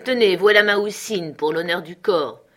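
A woman's voice: on the low side, moderate pace, natural voice. An ironic middle-aged country doctor, cold and dry with a mocking edge, as a woman reads him. He never raises his composure. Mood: cool.

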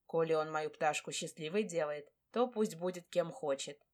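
A woman's voice: low voice, normal speed, close to an everyday voice. Woman reading as a doting old nanny. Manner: doting folksy speech. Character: fussing loving old nanny, plain-spoken.

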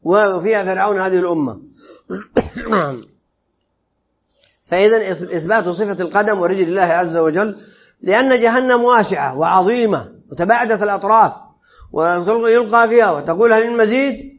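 A man's voice: sits high, normal speed, long pauses. A man teaching a religious creed lesson, explaining phrase by phrase and putting questions to his listeners. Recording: dull lo-fi lesson recording.

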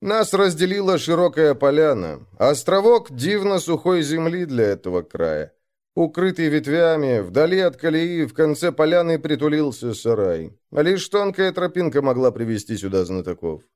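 Guy reading a grim adventure story out loud, voice swings up and down a lot, acts out the shouts. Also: a little high, sing-song. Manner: voices the characters with raised, slowed shouts. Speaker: narrator. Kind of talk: dramatic first-person story reading.

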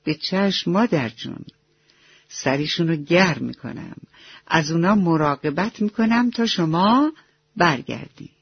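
A man voicing an eager, dutiful young male duckling in a children's bedtime story, with a gentle, reassuring manner. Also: fairly high pitch, lively intonation, gravelly, husky, dry recording, exaggerated voice. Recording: dull lo-fi dry recording.

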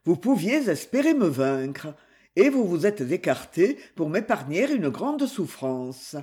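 A man voicing an earnest, devout young man in love, slow and solemn. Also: high-pitched, big pitch swings, mellow, full character voice. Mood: ardent, tender.

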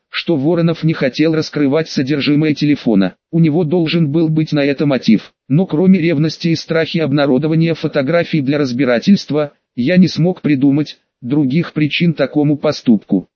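A man's voice: fairly high pitch, dry recording. A man narrates an audiobook in a slightly raised voice. The recording is dry and close, with a somewhat dull, muffled top end. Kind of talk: scripted narration.

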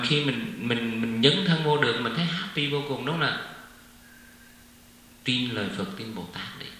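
A man's voice: medium pitch, a bit bright. A man giving an informal Buddhist dharma talk, chatty, often asking his listeners "right?" and mixing in English words. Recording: echoey hall with faint hum.

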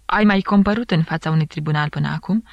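A woman's voice: deep voice, vocal fry, dry recording, muffled recording. A woman reading as a stern male court president.

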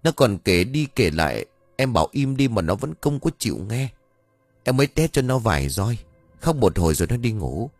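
A man's voice: mid-range voice, very animated, normal speed, dry recording, faint music behind. A man voicing a worried young village wife and mother in an audio ghost story, anxious and firm with her child.

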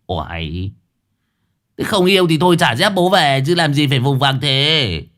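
Guy doing a sly roguish middle-aged dude, mumbly and whiny, bouncy pitch. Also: lively intonation, moderate pace, a bit bright, close to an everyday voice. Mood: sulky.

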